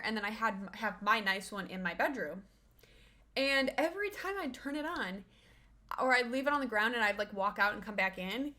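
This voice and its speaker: A young woman streamer with a bright, forceful voice pitched a little high, rambling casually from her room at home. She slips into cooing baby-talk when she addresses her dog, then drifts back into loose, chatty storytelling. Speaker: livestreamer. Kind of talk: casual live-stream chat.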